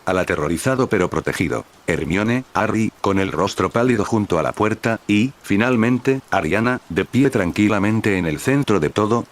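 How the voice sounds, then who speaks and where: A man narrating a story in a steady, measured reading style. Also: low-pitched. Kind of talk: scripted fanfic narration.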